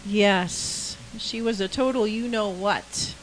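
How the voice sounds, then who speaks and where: A woman co-hosting a morning farm radio show, chatty and quick to exclaim and laugh. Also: medium pitch, noisy background. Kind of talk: casual on-air chat. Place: radio studio.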